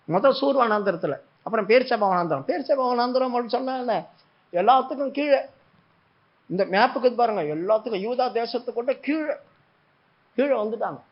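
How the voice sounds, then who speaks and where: A man preaching a sermon, telling a story with feeling and acting out the prayers and the replies of God. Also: extremely high pitch. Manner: animated storytelling, acting out prayers and God's words. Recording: dull lo-fi recording.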